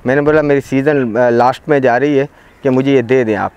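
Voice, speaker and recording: A local farmer hesitantly tells an interviewer about strange happenings on his land, filling his casual account with fillers and restarts. His mid-range voice is steady and brisk. A camera crew recorded him outdoors beside a walled rural plot, and the audio is dull with a noisy background.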